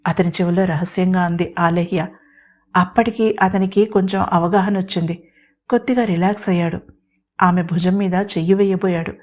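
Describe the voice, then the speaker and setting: A woman storyteller giving steady, expressive scripted narration of a romantic audio serial. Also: on the low side, normal speed.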